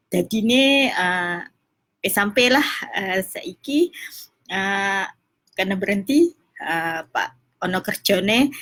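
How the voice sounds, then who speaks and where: A woman's voice: mid-range voice, a bit bright. A middle-aged woman with a Johor Malay accent, chatting casually as she teaches simple words, laughing often and stretching out sounds to show how they go. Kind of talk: casual home video lesson.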